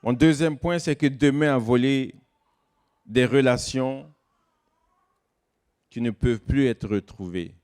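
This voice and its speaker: Man preaching a sermon, swings from loud stresses to hushed asides, slows on key words. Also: medium pitch. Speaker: guest pastor.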